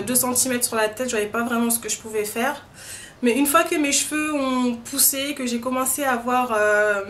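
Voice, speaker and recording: A young woman chats to the camera in a relaxed vlog, her voice sitting a touch high. She hesitates often and fills pauses as she goes. A faint hiss runs under the recording. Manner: chatty, many hesitations and filler sounds. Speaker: beauty vlogger. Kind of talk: casual hair-care vlog.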